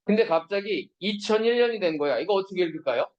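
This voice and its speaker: A man with a fairly high voice teaches an English grammar lesson in a classroom. He keeps asking his students to confirm they follow and slows right down for the example sentences. The sound is roomy, picked up from some distance. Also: animated, a little mellow, highs cut off. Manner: asks students constant check questions; reads English examples slowly and deliberately.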